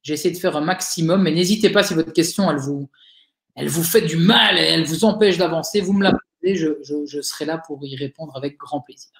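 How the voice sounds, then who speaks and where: A man's voice: on the high side, fairly quick, gravelly, fairly bright tone. Man with a Liège accent, roomy sound. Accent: Liège Belgian French. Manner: chatty and encouraging, frequent hesitations. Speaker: webinar speaker, digital agency owner. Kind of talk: live webinar Q&A answers. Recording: roomy webinar audio.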